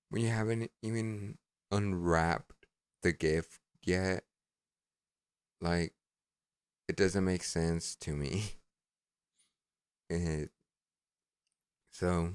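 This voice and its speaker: Low, slow-talking man. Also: clear, resonant tone, dry recording. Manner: rambling, self-correcting, reads messages aloud. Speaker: vlogger. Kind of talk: casual storytelling.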